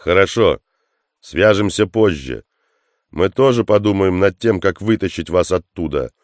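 A man voicing a calm, businesslike male operator speaking over a phone line in an audiobook. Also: low voice, measured pace, no room sound, clean studio sound. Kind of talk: audiobook character voice.

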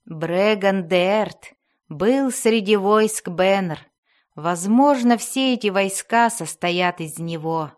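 A woman reading an audiobook, voicing a harsh young male dark elf warrior who speaks sharply and coldly. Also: medium pitch, takes it slowly, natural voice. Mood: indifferent.

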